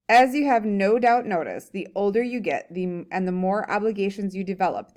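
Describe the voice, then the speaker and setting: A woman teacher reading a humorous story aloud, breaking off for chatty think-aloud comments and laughing while she reads. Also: mid-range voice.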